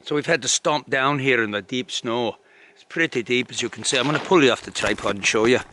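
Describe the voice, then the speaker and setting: A man's voice: medium pitch, fast, pushed and bright. A man vlogging casually outdoors in snowy winter woods, joking and playful as he talks. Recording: noisy outdoor camera audio.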